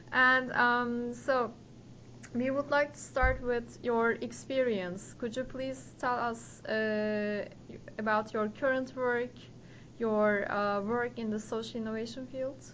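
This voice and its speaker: A woman's voice: fairly high pitch, fairly even intonation, slow pace, a bit bright, slight background noise. A young woman, a student politely interviewing a guest over a video call, with some fillers. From Turkey. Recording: muffled call audio.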